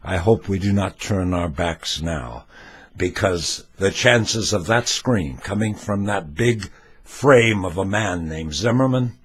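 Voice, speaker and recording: A man's voice: sits low, slow pace, slightly rough. A man making a homemade commentary video, talking emphatically and demonstrating with props as he goes. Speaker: amateur video maker.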